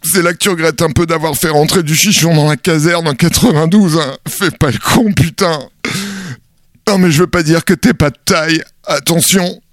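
A man's voice: fairly high pitch, fairly even intonation, moderate pace, dry recording, clean studio sound. A man delivering a colloquial, exasperated comedic monologue, dramatic and full of swearing.

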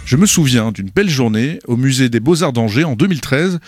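A man's voice: medium pitch, lively intonation, fairly quick, no echo, clean studio sound. A man hosting a radio show, introducing the program in a scripted delivery. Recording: music playing behind the voice.

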